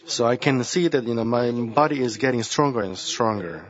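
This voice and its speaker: A man's voice: medium pitch, normal speed, lo-fi sound. A man preaching a sermon as senior pastor, earnest and repeating his key phrases.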